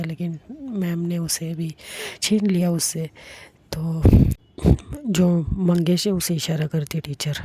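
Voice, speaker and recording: A woman narrating a love story in a soft, often half-whispered manner. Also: on the low side, breathy edge, no echo.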